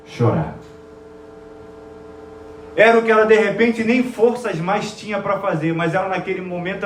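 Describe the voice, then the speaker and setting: A man preaching a sermon as pastor, emotive and swinging between loud stresses and hushed key words. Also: high-pitched, a little hiss or hum. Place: church sanctuary. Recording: echoey church from a distant mic.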